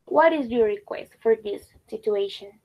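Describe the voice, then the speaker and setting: A woman's voice: fairly high pitch, takes it slowly, darkish tone, poor audio. A woman teacher leading a class, patiently repeating and praising student answers.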